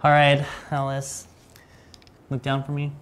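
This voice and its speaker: A man's voice: a little high, monotone, a little slow, fairly bright tone, slight background noise. A man in his thirties, a makeup artist hosting a beauty livestream, chatting and teasing casually in a studio. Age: 30s. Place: bright studio set.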